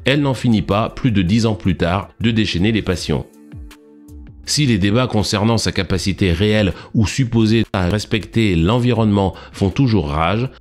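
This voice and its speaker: Man narrating formally over soft music. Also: fairly low pitch. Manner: formal, literary phrasing read evenly. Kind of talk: scripted narration. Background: faint background music.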